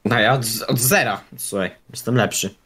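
A man's voice: medium pitch, normal speed, fairly bright tone, a little hiss or hum. A man co-hosting a casual podcast, ribbing his friend with mock-boastful teasing. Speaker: podcast co-host.

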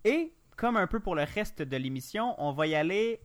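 A man's voice: sits high, expressive, normal speed. A man with a Québécois accent hosting a morning podcast, asking his guest questions in a chatty, joking way. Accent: Québécois French. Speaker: podcast host. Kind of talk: casual radio panel discussion.

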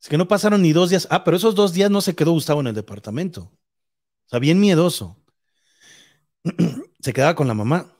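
A man's voice: on the high side, expressive, fairly quick, long pauses, darkish tone. A man with a Mexican accent telling a ghost story in a casual, rambling, suspenseful way.

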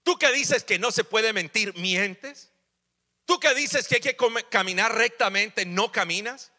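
A man's voice: high-pitched, a little slow, pushed and bright. A man in his forties preaching a sermon in a church, acting out little family dialogues with humor. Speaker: pastor. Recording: church hall reverb.

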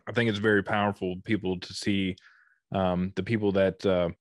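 A man hosting a podcast interview over a video call, talking haltingly with many fillers and restarts. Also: deep voice, little pitch movement, dry recording, clean studio sound. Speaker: podcast host.

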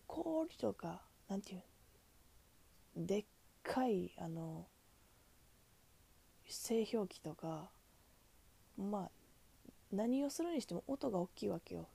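A woman's voice: medium pitch, gravelly, mellow, breathy edge. A woman with a Kansai accent, a cashier, venting in a chatty, exasperated way about customers at the register. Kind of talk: casual venting monologue.

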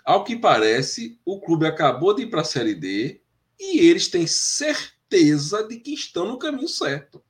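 A man's voice: on the high side, big pitch swings, a little slow. A man, commenting on a fan football debate show, hesitant and searching for words, sharply critical.

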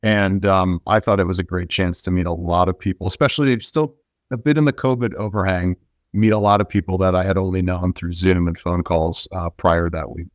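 A man with a fairly low voice speaks as a guest in an interview. He explains things in a reflective, conversational way, and the recording is close and dry. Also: steady tone, brisk, no echo. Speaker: interview guest, venture investor.

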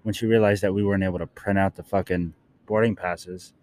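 A man's voice: deep voice, steady tone, brisk, a crowd in the background. A man co-hosting a casual podcast at an airport gate, laid-back, slangy and profane. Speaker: podcast co-host. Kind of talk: casual chat.

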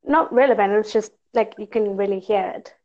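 A woman's voice: mid-range voice, a little fast. A woman with a Zimbabwean accent, chatting casually in a frank, lightly amused way. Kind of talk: casual chat. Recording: dull lo-fi app call audio.

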